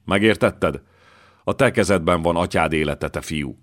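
A man's voice: deep voice, a bit bright. A male narrator voicing an old king who is anxious and bitter, raising his voice sharply in his orders. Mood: commanding. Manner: raises his voice sharply in his outbursts.

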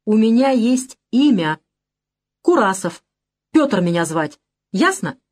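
A woman reading an audiobook voices a young male ex-thief who speaks bluntly, hard and deliberate. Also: on the high side, sing-song, darkish tone, full character voice. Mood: hard defiant. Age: young adult.

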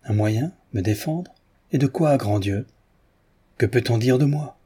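A man's voice: mid-range voice, a little slow, mellow, husky. A man voicing an indignant young widow. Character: indignant grieving young widow, mistress of an estate.

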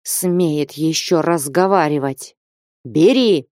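A woman reading the part of a stern older merchant who lectures and commands a young man in slow, weighty warnings. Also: low voice, a little mellow, dry recording, studio quality. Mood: angry.

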